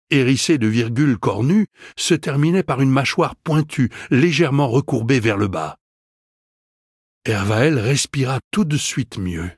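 A man narrating a children's fantasy audiobook in a measured, expressive way. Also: mid-range voice, breathy edge, dry recording, studio quality.

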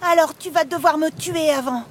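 Man voicing a pleading teenage girl, very high. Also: moderate pace, slight background noise. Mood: defiant. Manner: pleading, urgent. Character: brave teenage girl, daughter of a hunter.

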